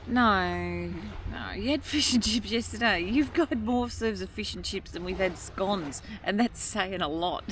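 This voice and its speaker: A man's voice: high voice, animated, unhurried. A man co-hosting a travel vlog, laughing and teasing in easy chat on a beach at sunset. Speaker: vlog co-host. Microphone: handheld phone camera. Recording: outdoor noise on a beach.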